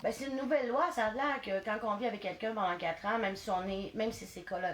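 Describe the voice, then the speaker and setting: A woman with a Quebec French accent is a guest in a casual interview. She speaks hesitantly and softly. Her voice sits in an echoey room with faint background noise. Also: mid-range voice, steady tone, quick pace.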